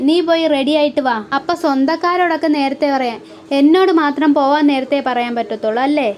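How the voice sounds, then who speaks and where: A woman recapping a television serial episode, reading out every role's lines in one plain, even voice. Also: high voice. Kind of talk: reading out soap opera dialogue.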